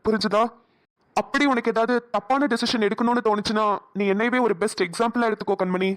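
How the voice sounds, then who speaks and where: A woman's voice: on the high side, natural voice. A woman voicing a caring young man in a cartoon drama, speaking in a soothing, coaxing, earnest way. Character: caring young man Karthik, gentle supportive friend.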